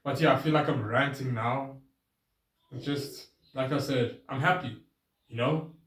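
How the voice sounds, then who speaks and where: A man vlogging a casual, rambling self-reflective monologue, his voice drifting between a trained register and a softer natural one. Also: medium pitch, measured pace. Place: outdoors with his bike. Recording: roomy, distant camera sound.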